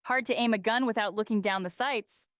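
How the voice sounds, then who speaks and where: Woman as a high-voiced, flippant young woman. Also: fairly quick, a bit bright, dry recording, clean studio sound, close to an everyday voice.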